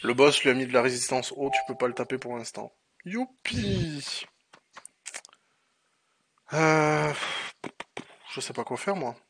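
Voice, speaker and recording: A man's voice: mid-range voice, unhurried, long pauses. A man playing an online game and chatting casually with teammates, often exclaiming and swearing. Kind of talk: casual chat during team gaming. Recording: noisy voice chat with clicks.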